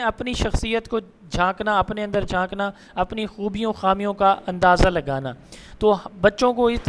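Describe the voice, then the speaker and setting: A high-voiced man with a Punjabi Urdu accent teaches an online exam-prep class. He reads English slide headings slowly and then explains them in Urdu. His voice rings with a long reverb over a faint hiss. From Pakistan.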